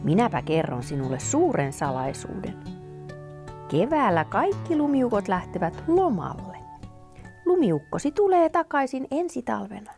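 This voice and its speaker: A woman voicing a gentle, reassuring mother rabbit in a children's storybook. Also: medium pitch, creaky, faint music behind. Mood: soothing. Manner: calm and reassuring.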